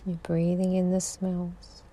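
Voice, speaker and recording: A woman guiding a sleep meditation in a slow, soothing voice that drifts into whispers. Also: lowish voice, monotone, dark tone. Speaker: sleep hypnosis guide.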